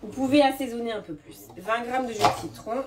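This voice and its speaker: A woman's voice: a little high, brisk, over a noisy crowd. A woman demonstrating a recipe in her kitchen during a live stream, chatting casually with many fillers and restarts and replying to viewers' comments. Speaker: cooking demonstrator. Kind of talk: live cooking demo chat. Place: home kitchen. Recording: distant mic with kitchen clatter. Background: clinking dishes and utensils.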